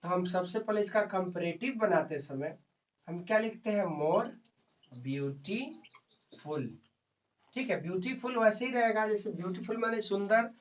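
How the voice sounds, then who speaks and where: A man teaching English grammar in a slow classroom explanation, repeating words, spelling them out letter by letter and answering his own questions. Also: high voice. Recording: distant, dull lo-fi mic.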